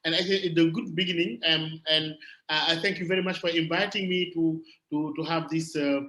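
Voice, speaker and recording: Man, French accent, English not his first language; bright, higher voice; halting delivery with frequent restarts; echoey room. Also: steady tone. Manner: halting, searching for words, many restarts. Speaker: panelist. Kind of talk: remote panel talk.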